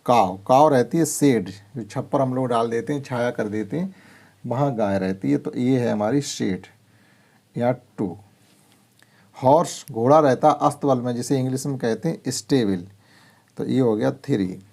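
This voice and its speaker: Gravelly, dark-voiced teacher. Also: male voice, medium pitch. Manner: explains English words in Hindi, slow deliberate reading of English sentences. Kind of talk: workbook lesson explanation.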